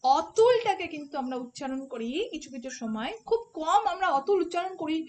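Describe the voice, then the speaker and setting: A woman's voice: sits high, lively intonation, fast talker. A woman teaching a phonetics lesson for an exam, explaining step by step and asking rhetorical questions. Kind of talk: online exam-prep lesson.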